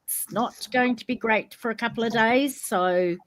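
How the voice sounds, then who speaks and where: Hosting a relaxed podcast chat, this New Zealand-accented woman speaks at normal speed in a fairly high, slightly bright voice. She's informal and talkative, and she opens with a Maori greeting.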